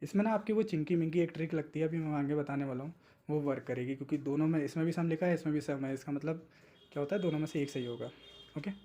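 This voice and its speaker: A young man teaching exam tricks in a casual, coaxing lesson, often slipping into English and reading statements aloud slowly. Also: fairly high pitch, warm tone. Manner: chatty, coaxing, mixes English words and reads English statements slowly. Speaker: exam coaching tutor. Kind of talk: informal exam-tips lesson.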